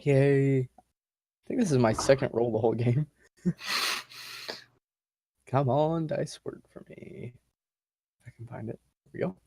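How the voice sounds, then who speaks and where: A man with a mid-range voice plays in a tabletop game, casually asking quick questions. His voice sounds dry and close, with no room around it. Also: mid-range voice, mellow, dry recording. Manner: casual, asks short questions to the game master. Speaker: player.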